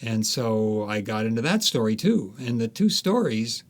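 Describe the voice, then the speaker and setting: He's a very animated American author in his seventies, speaking at medium pitch and a moderate pace. In this interview he reminisces, telling anecdotes with emphasis and enthusiasm.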